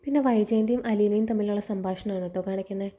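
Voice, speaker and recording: A woman's voice: medium pitch, steady tone, quick pace, dark tone. A woman retelling a TV serial episode in a chatty, casual way, tagging her sentences with a friendly particle. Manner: chatty, ends lines with a friendly tag. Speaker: serial story reviewer.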